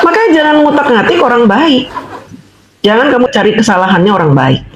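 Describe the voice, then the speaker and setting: A woman's voice: fairly low pitch, a little hiss or hum. A woman delivering an angry, mocking monologue as a housewife commentator, firing accusatory questions. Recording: echoey room.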